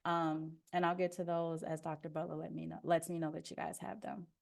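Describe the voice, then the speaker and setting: A soft-spoken procurement officer presents an informational webinar over a video call through a headphone mic, explaining steadily with frequent "um" fillers. Her voice is deep with vocal fry, barely moves in pitch, and runs at a fairly quick pace.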